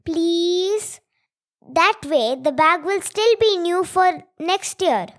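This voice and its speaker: A woman's voice: extremely high pitch, takes it slowly, a bit bright. A young girl with a South Indian accent in a family dialogue, using Indian English phrasing. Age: child. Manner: Indian English phrasing, addresses father as Appa. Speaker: co-host, storyteller's child.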